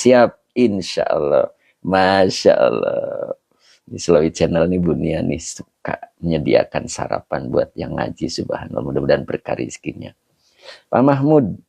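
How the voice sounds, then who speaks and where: A male preacher winds down his online study session, reading out viewer names and comments in a relaxed, joking way. His voice is deep and gravelly, with a dark, mellow tone. It sounds dry and close, with no room around it. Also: no echo. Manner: chatty, laughing, switches between Indonesian, Javanese, Sundanese and Arabic. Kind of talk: casual livestream closing, reading comments aloud.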